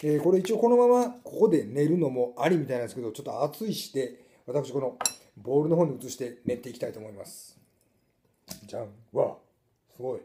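Speaking fast and animatedly in a medium-pitched, dark-toned voice, a middle-aged man with a Kansai Japanese accent cooks and tastes at a table in a small room. The food vlogger chats casually and mutters to himself, with slight background noise present.

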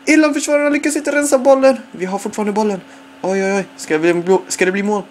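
A young man commentating his own football game play, excitable and full of repeated exclamations. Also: high-pitched, slight background noise. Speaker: gamer.

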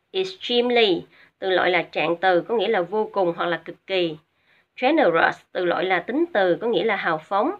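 A woman teacher with a Vietnamese accent, explaining English words in a patient, step-by-step way with small hesitant fillers. Her voice sits at an ordinary middle pitch. The recording is dull and lo-fi. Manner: patient, repeats each word twice for pronunciation drill. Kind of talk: recorded vocabulary lesson for students. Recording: dull lo-fi audio.

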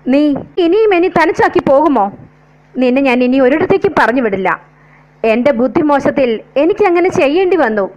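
A woman's voice: high-pitched, lively intonation, brisk, a little mellow, highs cut off. A woman voicing a lovesick, remorseful aging man who pleads tenderly. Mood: pleading.

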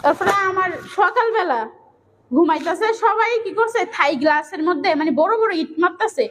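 A woman's voice: extremely high pitch, lively intonation, normal speed, background noise. A young woman with an urgently retelling a violent family tragedy, close to tears, quoting others as she goes. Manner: urgent, tearful retelling with quoted dialogue. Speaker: family member of victims. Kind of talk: emotional eyewitness account.

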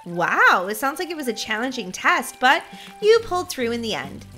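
A woman's voice: high voice, very animated, normal speed, bright, forceful tone, soft background music, voice pushed down, full character voice. A woman voicing a strict, commanding mother in a game role-play story. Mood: calm. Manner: stern, commanding.

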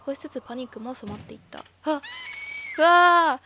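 A woman's voice: a little high, steady tone, racing, a little mellow, a little hiss or hum. A woman streaming a game playthrough, reading the story text aloud and breaking in with short startled reactions. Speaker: let's-play streamer.

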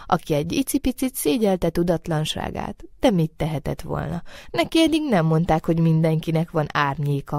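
A woman reads a children's story aloud in a lowish, gentle voice, often trailing into softness at phrase ends. The studio recording is close and dry, with no room sound. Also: dry recording. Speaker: narrator. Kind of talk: storybook narration.

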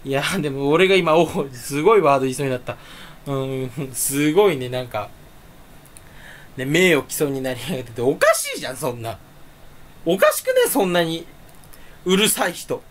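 A man chatting alone in a rambling, self-mocking way, with sudden jumps up in pitch. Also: very animated, fairly quick. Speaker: streamer. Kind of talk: casual solo chat.

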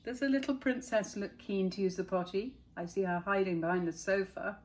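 A woman's voice: mid-range voice, steady tone. A middle-aged woman reading a children's picture book aloud and chatting about the pictures between pages. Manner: gentle, chatty, pauses to point out pictures.

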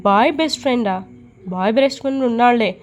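A woman voicing a sharp, needling middle-aged sister, fairly high-voiced. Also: lively intonation, fast talker, close to an everyday voice. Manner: needling, nosy.

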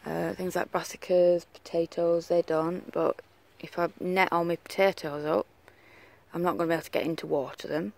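A garden vlogger talking casually outdoors in a home vegetable garden. The speaker is unhurried and hesitant, with many ums, and records on a handheld camera while filming the plants. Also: mid-range voice, little pitch movement, gravelly.

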